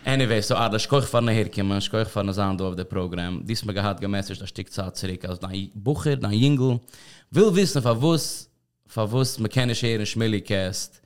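This podcast host has a lowish, resonant voice and speaks a little fast, and the recording is clear. Chatting loosely in a studio, he rambles through a casual interview and mixes in English words.

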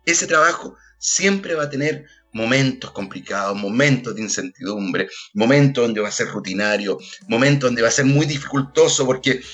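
A man's voice: mid-range voice, lively intonation, normal speed, few pauses, a bit bright, breathy edge, faint music behind. A middle-aged Chilean man, a theater actor and director, talking earnestly in an interview and often tagging his points with a questioning "ah?". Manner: earnest, keeps adding questioning tags. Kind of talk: reflective interview talk.

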